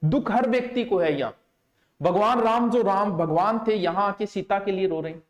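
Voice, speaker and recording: A man teaching an exam coaching lecture, speaking emphatically and repeating key terms slowly for students to write down. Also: high voice. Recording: roomy echo.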